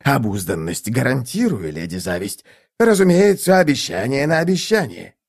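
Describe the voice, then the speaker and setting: A man's voice: medium pitch, very animated, moderate pace, vocal fry, breathy edge, exaggerated voice. A man voicing a sly, muttering male mage. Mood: eager. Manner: conspiratorial muttered asides. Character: sly, scheming male mage, lecherous and babbling.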